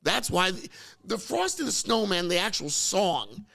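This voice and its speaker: Recording in a car service center, this podcast host trades casual banter with his co-host in a creaky voice he is starting to lose. His pace is a little slow, but he turns excitable, with his pitch shooting up whenever he argues.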